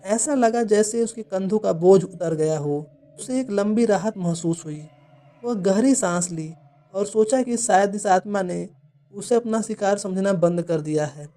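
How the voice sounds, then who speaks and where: A narrator reading a scripted horror story in an even, measured way. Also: mid-range voice. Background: faint music.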